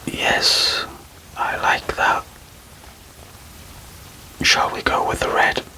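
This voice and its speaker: Gentle and deliberate, a man whispers a role-play for his ASMR audience, his breathy voice never becoming fully voiced. He pauses often and takes his time. It's a low-quality recording.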